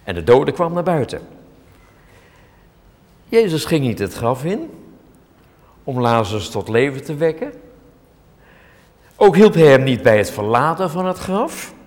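A man preaching a sermon in an emphatic, dramatic way, his voice swinging widely in pitch and loudness. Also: big pitch swings, unhurried, long pauses. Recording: long hall reverb.

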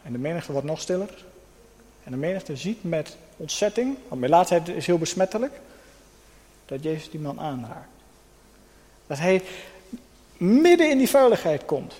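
A man preaching a sermon with personal testimony, earnest, with pauses and soft emphasis. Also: fairly high pitch, sing-song. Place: church hall. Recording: long hall reverb.

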